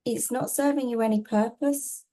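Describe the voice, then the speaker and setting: A woman's voice: on the high side, fairly even intonation, moderate pace, mellow. A woman tarot reader giving casual spiritual guidance, reassuring and emphatic, often repeating herself in short phrases.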